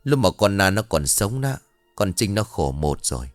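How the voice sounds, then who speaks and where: A man's voice: on the low side, very animated, normal speed, no echo, faint music behind. A man voicing a frightened elderly village woman who stammers in panic. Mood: worried.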